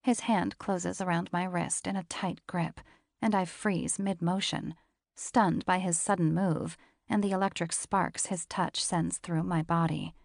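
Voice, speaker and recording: A woman reads a first-person romance audiobook in an intimate, confessional tone. Her voice sits fairly low with a gravelly texture. The recording is dry and close. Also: steady tone, a little slow, dry recording. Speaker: audiobook narrator.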